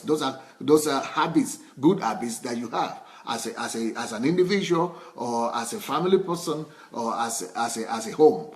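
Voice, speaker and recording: A middle-aged Nigerian man delivers a sermon in a loose, conversational manner. He often stops partway through a phrase and starts it again. His voice sits at an ordinary middle pitch for a man. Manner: conversational, with frequent restarts and repeated words. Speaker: pastor.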